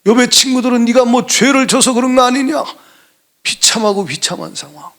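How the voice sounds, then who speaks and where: A man preaches with a high-pitched voice that carries a gravelly fry at its edges. His sermon rises to loud exclamations and then drops to near-whispers. He sounds like a pastor at the pulpit of a church. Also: brisk. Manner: impassioned preaching, swings from shouted exclamations to hushed whispers. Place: church sanctuary.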